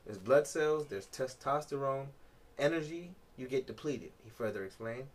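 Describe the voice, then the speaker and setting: A podcast host reads an article aloud and riffs on it in a casual, profane, joking way. His medium-pitched voice is expressive and moves at a normal speed. There is a little hiss or hum in the recording.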